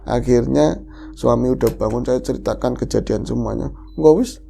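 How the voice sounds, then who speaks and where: A woman host retelling a listener's ghost story in the first person, lively and animated, acting out the quoted voices. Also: extremely low pitch, normal speed, vocal fry, faint music behind. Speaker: horror story podcast host.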